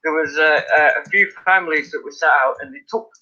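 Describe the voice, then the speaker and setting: A man hosting a live stream from his attic, telling animated stories, laughing and swearing freely in casual chat. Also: on the high side, brisk. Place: indoors by an open attic window. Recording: dull lo-fi stream audio.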